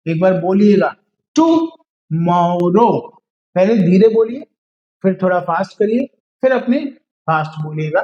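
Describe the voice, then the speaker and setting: A man with an Indian accent, a native Hindi speaker, teaching a spoken English lesson and slowly repeating English phrases for learners to copy. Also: sits high, dark tone, muffled recording. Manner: slow drilled repetition of English phrases.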